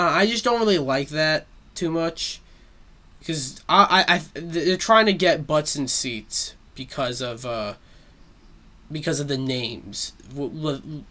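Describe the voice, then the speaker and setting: This man hosts a solo show of meandering pop-culture talk, peppered with fillers and plenty of swearing. His voice is on the high side with a fairly bright tone.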